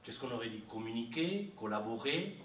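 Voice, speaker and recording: A man giving a university lecture on translation, animated, with frequent fillers and restarts. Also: mid-range voice, moderate pace, slight background noise. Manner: animated, repeats himself, many fillers. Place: university library lecture room. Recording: echoey room, mic from far off.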